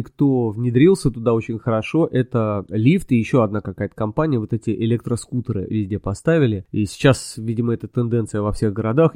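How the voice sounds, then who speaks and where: A man's voice: mid-range voice, mellow, no echo, studio quality. A man hosting a solo podcast, chatting casually and thinking aloud as he goes. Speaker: podcast host.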